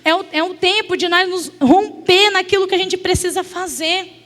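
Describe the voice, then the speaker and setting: High-voiced Brazilian woman preaching. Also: normal speed, a bit bright, big-room sound. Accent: Brazilian Portuguese. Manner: emotional storytelling preaching, repeats words for emphasis. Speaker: deaconess preacher. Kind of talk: sermon. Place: church hall.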